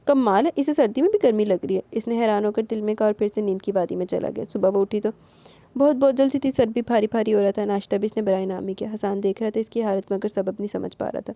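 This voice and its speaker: A woman narrating a romance novel with steady storytelling. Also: medium pitch, no room sound. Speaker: audiobook narrator. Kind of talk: novel reading.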